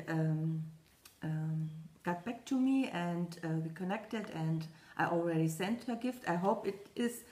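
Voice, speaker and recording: Slow, halting woman vlogger in an echoey room. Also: medium pitch, a little mellow. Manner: rambling, halting, often apologizing. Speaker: cross-stitch vlogger. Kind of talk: casual chat to camera.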